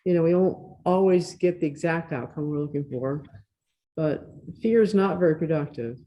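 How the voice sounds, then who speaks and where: A church class member speaking haltingly, searching for words. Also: mid-range voice, mellow, highs cut off. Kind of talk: casual group discussion.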